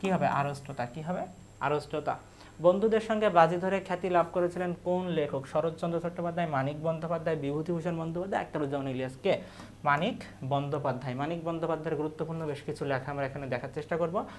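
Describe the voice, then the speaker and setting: A man's voice: on the high side, fast, slight background noise. A man, a teacher giving an exam review lesson, who reads each question aloud and repeats the answer. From Bangladesh.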